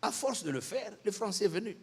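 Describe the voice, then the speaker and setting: A man preaching a sermon in a church hall, animated, with bursts of shouting and laughter. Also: high voice, a little fast, breathy edge. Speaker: pastor.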